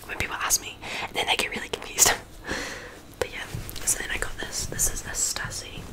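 A young New Zealand woman, an ASMR creator, whispers a rambling chat full of ums, a little fast, close to a stand-mounted studio mic in her small bedroom. The recording quality is low.

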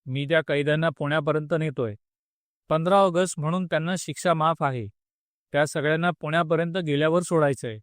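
A man voicing a sly, impassive male friend who talks in a flat, matter-of-fact way. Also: on the high side, fairly quick, dry recording, clean studio sound, lightly acted. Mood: calm.

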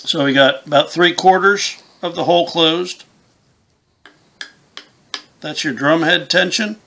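A man's voice: on the high side, a little slow, bright, forceful tone. A man in his fifties giving a casual, plain-spoken hands-on tutorial, explaining things step by step in an informal way. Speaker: instructor, game call maker. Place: small indoor room with camouflage backdrop.

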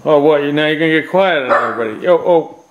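High-voiced man teasing his dogs. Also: fast talker, dull audio. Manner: playful, teasing baby talk to his dogs. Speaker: vlogger and dog owner. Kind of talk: casual chat to pets on camera. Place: home, indoors. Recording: roomy echo, faint noise.

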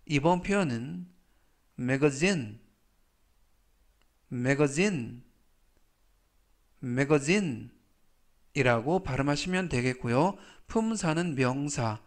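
Slow, patient male vocabulary teacher. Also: on the high side, expressive. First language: Korean. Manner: repeats each English word three times slowly, patient. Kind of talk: slow, deliberate vocabulary lesson.

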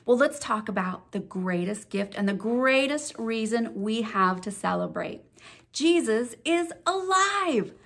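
A woman leading a children's Bible lesson, telling the story in an animated, expressive way for kids. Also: medium pitch, creaky. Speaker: children's ministry leader.

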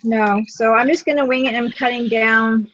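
Brief: easygoing woman, fairly high voice, casual craft-stream chat over a muffled lo-fi line. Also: fairly even intonation, normal speed, fairly bright tone, dry recording. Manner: chatty, easygoing, talks while working. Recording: lo-fi live-stream audio.

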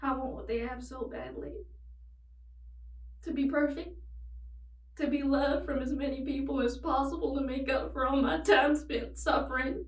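A woman's voice: high voice, fairly even intonation, normal speed, pauses often, natural voice. A young woman playing a desperate, sorrowful tragic heroine in a dramatic monologue, pleading and confessing in anguish. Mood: wistful, sorrowful. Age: young adult. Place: indoors against a plain backdrop. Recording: roomy, distant microphone.

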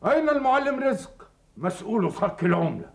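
An actor playing a stern, commanding ruler who questions imperiously in a period drama. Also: male voice, medium pitch, big pitch swings, a little fast, breathy edge.

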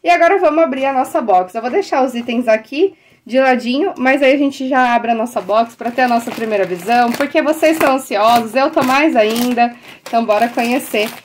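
A young adult woman with a Brazilian Portuguese accent, a teacher chatting excitedly to the camera as she unboxes stationery and breaks into delighted exclamations. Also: fairly high pitch, fairly quick. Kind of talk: casual unboxing chat to the camera.

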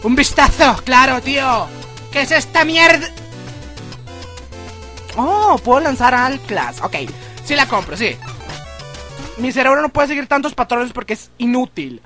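A man's voice: extremely high pitch, measured pace, long pauses, soft background music. A young man commentating his gameplay, yelping and exclaiming at every turn. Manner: excitable, yelps and shouts at the game. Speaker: gamer. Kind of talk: let's play commentary.

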